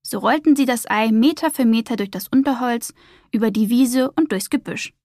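A woman narrating a children's storybook in a calm, expressive reading voice. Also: a little high, moderate pace, no echo, studio quality.

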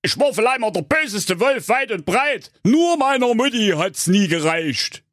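A whiny big bad wolf, as a male storyteller puts him on, drawling slowly in a high, wobbly voice full of self-pity. He sounds tearful and drags out his words. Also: sing-song, fairly bright tone, no room sound, studio quality, heavily acted. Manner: slow, whining and tearful.

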